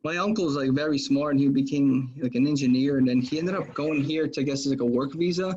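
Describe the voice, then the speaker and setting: A man's voice: mid-range voice, brisk, a little mellow, highs cut off, a little hiss or hum. A man from Russia, a podcast guest, telling his story casually with lots of "man" and "like". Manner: casual, loose, fills with man and like. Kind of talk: casual interview chat.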